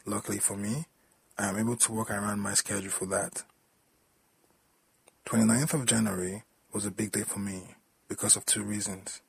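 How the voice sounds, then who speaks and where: A man reading a story aloud in a plain, steady storytelling manner. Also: fairly low pitch, normal speed, gravelly, long pauses, husky, rough recording. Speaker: story narrator.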